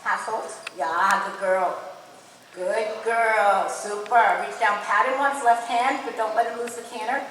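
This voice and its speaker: Casting: female riding instructor, high voice, brisk projected commands with encouraging praise, heard from afar in a very echoey hall. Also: fairly even intonation, a bit bright. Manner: encouraging, frequent short praise. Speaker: horse riding coach. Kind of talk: live riding lesson commentary. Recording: echoey hall, distant mic, faint noise.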